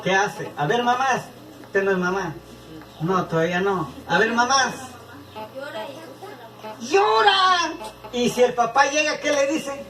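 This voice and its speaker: A Latin American man preaching a sermon in an animated way, acting out the people in his stories, with a Latin American Spanish accent. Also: extremely high pitch, slow, long pauses. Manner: animated, acts out quoted voices. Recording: echoey room from far off, faint background noise.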